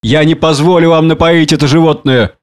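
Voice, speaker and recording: Casting: a man playing a drunk, self-pitying ex-doctor, ranting high and loud. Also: fairly even intonation, a little fast, smooth, natural voice. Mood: furious. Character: drunken bitter ranting male exile doctor. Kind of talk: audiobook reading.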